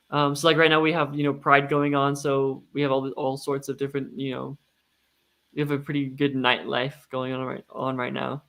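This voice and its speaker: A man's voice: a little high, a bit bright. A man with an American accent chatting casually on a livestream in a rambling way, often saying "like" and "you know". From Utah, United States.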